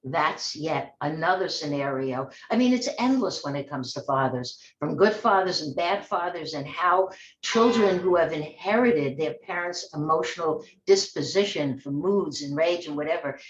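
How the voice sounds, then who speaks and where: A woman's voice: sits low, animated, moderate pace, dull audio, slight background noise. Rambling woman host in a roomy space. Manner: rambling and conversational, with frequent restarts. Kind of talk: casual monologue.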